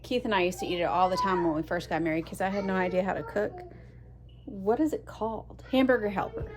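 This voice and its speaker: A woman's voice: mid-range voice, fast, noisy background. A woman, chatting casually to viewers in a rambling vlog with lots of fillers. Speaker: vlogger, mother of six. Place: in a car, then at home.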